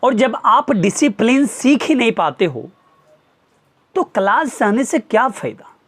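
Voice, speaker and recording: Slow, lively teacher lecturing students. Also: male voice, extremely high pitch, breathy edge. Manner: earnest, hammering rhetorical questions. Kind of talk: motivational talk to students.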